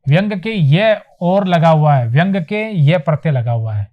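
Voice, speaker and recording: A man teaching a Hindi spelling lesson at a whiteboard, repeating each word slowly and asking himself questions before he answers them. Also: on the high side, sing-song, narrow, tinny audio. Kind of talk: classroom lecture on spelling. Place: classroom with whiteboard.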